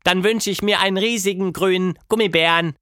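A man's voice: high voice, steady tone, a little fast, sharp tone, no room sound, clean studio sound, pitched above the performer's own voice. A man voicing a curious, adventurous young girl with an eager, raised voice.

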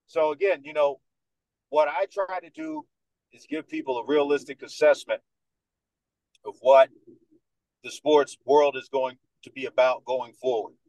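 The recording is dry and the audio poor, but the speaker comes through as a confident sports radio host in his thirties from New York, with a Dominican American accent and a mid-range voice. In this relaxed podcast interview he tells lively stories and acts out other people's lines.

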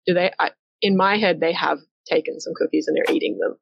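Brief: woman game master, low gravelly voice, chatty and hesitant, dull lo-fi recording. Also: fairly even intonation, a little fast, no echo. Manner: chatty, filler-heavy, hesitant. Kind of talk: narrating a collaborative comic story game. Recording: dull, lo-fi and dry.

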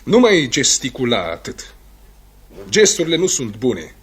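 An earnest, lecturing student idealist in a radio drama. His husky voice rises and falls with lively pitch as he preaches about the future. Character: Trofimov, an idealistic eternal male student.

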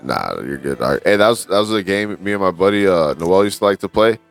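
A man with a somewhat low voice chats casually as a podcast co-host. His talk is loose and slangy, full of friendly banter. Faint music sits behind him. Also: expressive, fairly quick. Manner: laid-back slangy banter, calls others dog and homie. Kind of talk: casual chat.

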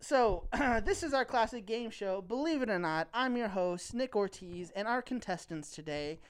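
A woman hosts a podcast, leading into a game segment with a playful, loose announcer tone. Her voice is smooth and clear at a middle pitch. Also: animated, moderate pace. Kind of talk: casual podcast hosting.

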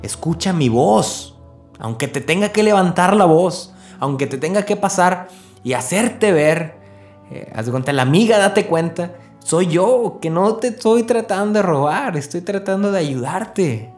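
The Lord speaks as a patient, pleading male figure voiced by a preacher. The voice is earnest and lifted higher than the man's everyday tone, with soft music faintly underneath. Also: expressive, unhurried.

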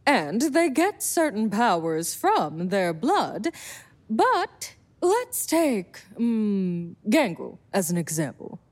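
A woman's voice: mid-range voice, very animated, takes it slowly. A woman voicing a confident, protective female vampire sire with a wry, self-assured manner in an audio drama.

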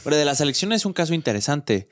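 A man's voice: a little high, sing-song, fast talker, no room sound, clean studio sound. A young man with a Mexican accent on a podcast, chatting casually, asking lots of questions in slangy speech. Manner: curious, asks many questions, slangy. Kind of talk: casual chat.

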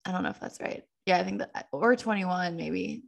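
A woman's voice: lowish voice, normal speed, gravelly. A woman in her twenties chatting casually with a friend, talking with lots of "like" fillers. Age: 20s. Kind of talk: casual chat.

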